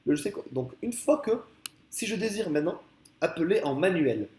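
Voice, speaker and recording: A man talking through a software tutorial in a casual, explanatory way, with many fillers and restarts, speaking into a headset. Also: on the high side, lively intonation, a little fast, reverberant, a little hiss or hum. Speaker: software trainer. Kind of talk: screen-recorded software tutorial.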